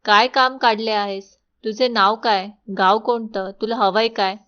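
A woman voicing a palace maid who speaks brusquely and rapidly questions a visitor, in slightly dull lo-fi audio. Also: mid-range voice, fairly even intonation, lightly acted. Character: palace maid, brusque then humble and pleading.

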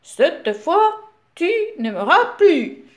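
A woman's voice: sits high, big pitch swings, drawn-out words, voice pushed up, heavily acted. A woman voicing a tired, reluctant father playing football with his son, with exaggerated playful cries. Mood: teasing.

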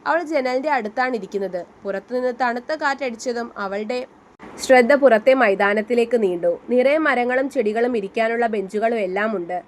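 Woman reading a story aloud, slightly high. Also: normal speed, slight background noise. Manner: reads all the characters' dialogue in her own voice. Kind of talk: scripted story narration.

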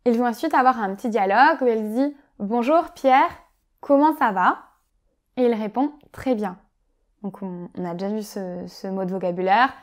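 A woman teaching French vocabulary in a clear, patient way, often pausing on "euh" and acting out example phrases with a lively tone. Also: medium pitch. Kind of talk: vocabulary lesson explaining phrases.

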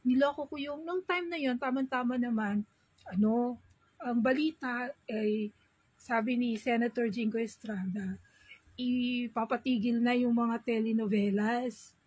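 Slow, husky Filipino woman vlogging. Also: on the high side, steady tone, a little mellow, no echo, poor audio. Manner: unhurried, mixing English and Tagalog. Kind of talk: casual vlog talk.

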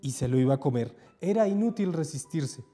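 A man telling a children's story in a lively, playful way. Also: fairly high pitch, a little fast.

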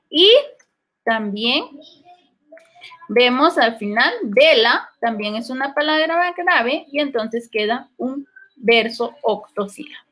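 A woman's voice: a little high, a bit bright. A woman teacher with a Guatemalan accent, explaining a literature lesson step by step and often checking in with her students. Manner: slow, step-by-step explaining with frequent "¿verdad?". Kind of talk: classroom lesson.

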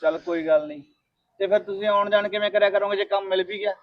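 An actor playing a young man of the house, wary and questioning, speaking in a brisk voice. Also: high-pitched, steady tone, muffled recording, lightly acted.

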